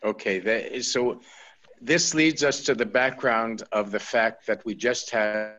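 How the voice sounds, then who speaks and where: A man's voice: fairly low pitch, a little slow, fairly bright tone, dull audio. A man moderating a panel discussion, steering the guests with direct questions.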